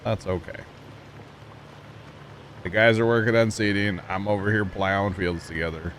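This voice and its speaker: A man's voice: on the low side, normal speed, a little hiss or hum. A man on a livestream, talking casually into a headset mic while he plays a farming game and greets his chat. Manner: greets chat viewers casually, relaxed and chatty.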